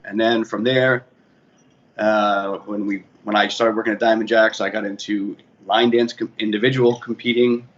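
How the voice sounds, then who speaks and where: Speaking in a lowish voice with little pitch movement at a normal speed, this Boston-accented man from the Boston area, USA, recounts his career as a DJ and bar manager. He's a guest in a casual interview, rambling and frequently correcting himself. Faint ambient noise sits under muffled audio.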